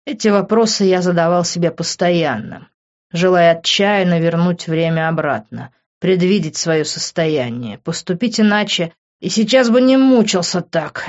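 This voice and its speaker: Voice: mid-range voice, highs cut off. A reader narrating a novel in the first person, with heated, emotional delivery.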